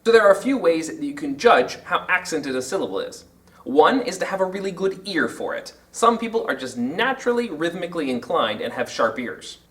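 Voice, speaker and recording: A man explaining poetry terms in an educational video lesson, with emphatic, drawn-out example words. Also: a little high, sing-song, a bit bright, far from the mic.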